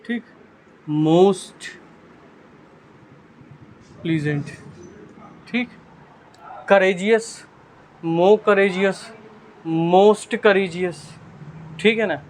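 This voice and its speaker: A man's voice: high voice, steady tone, extremely slow, long pauses, slight background noise. A male English teacher with a Hindi accent explaining grammar rules in a classroom lesson, who keeps asking and answering his own questions and repeating "theek hai". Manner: repeats "ठीक है" constantly.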